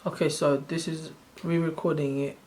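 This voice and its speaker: A man in his thirties, from Sri Lanka, walking viewers through a tutorial on his screen. His voice sits a little high for a man and stays flat, with little rise and fall. He wanders off track and corrects himself mid-sentence, like someone chatting casually rather than reading a script. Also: normal speed. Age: 30s. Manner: loose, rambling explanation with self-corrections. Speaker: channel host.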